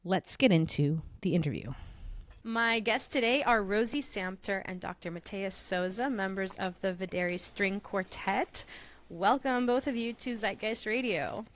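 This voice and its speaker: A woman's voice: medium pitch, moderate pace. A woman from Montana hosting an interview podcast, chatty and enthusiastic. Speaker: podcast host.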